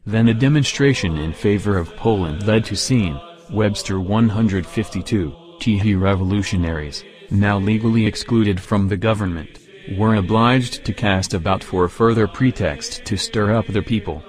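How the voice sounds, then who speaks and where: A man reading a history text aloud as a narrator, measured and dramatic. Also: fairly low pitch, faint music behind.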